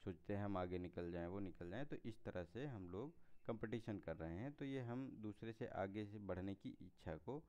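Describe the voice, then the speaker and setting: A man's voice: on the low side, lively intonation, normal speed, hardly any pauses, mellow. A man teaching as he walks through exam answers, explaining each one step by step and moving on with set phrases. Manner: explanatory, repeats "theek hai" and "next hai". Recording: slightly dull lo-fi sound.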